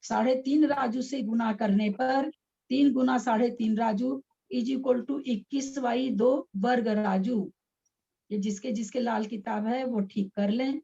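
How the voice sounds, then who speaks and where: A patient woman teacher walks her students through each step, repeating lines so they can note them down. Her voice is mellow and a little husky, a touch higher than most. The sound is dull and lo-fi, like call audio. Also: fairly even intonation. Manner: patient, repeats steps slowly for students to write. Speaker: religious study teacher. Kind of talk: explaining text line by line.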